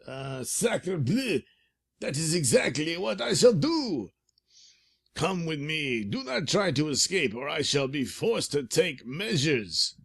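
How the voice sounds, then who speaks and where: A man's voice: on the high side, very animated, slow, creaky, fairly bright tone, husky, voice pushed up, heavily acted. A man voicing an eccentric master criminal in a theatrical put-on French accent as he reads a comic aloud. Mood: mocking.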